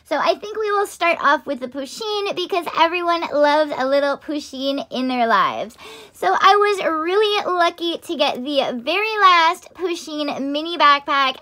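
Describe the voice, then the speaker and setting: A young woman chatting casually as a vlogger, gushing with the excitement of an anime fan. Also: high voice, a little slow. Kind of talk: casual shopping haul chat.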